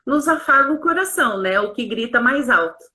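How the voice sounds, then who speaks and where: A woman's voice: high-pitched, expressive, brisk, pushed and bright. A woman, a pharmacist and consultant, explaining her work earnestly in a live-stream conversation. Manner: earnest, explanatory, uses tag questions. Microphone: online live stream.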